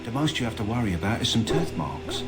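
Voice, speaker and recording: A steady, caring kennel master from a fantasy video game, in a somewhat low, plain voice. He talks in a calm, practical, matter-of-fact way. Game music plays clearly behind him. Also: fast. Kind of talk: scripted game dialogue.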